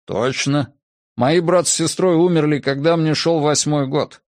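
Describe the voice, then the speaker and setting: A man's voice: on the high side, measured pace, no echo, studio quality, lightly acted. A man voicing an elderly, nostalgic family father who lectures his children emphatically. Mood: earnest.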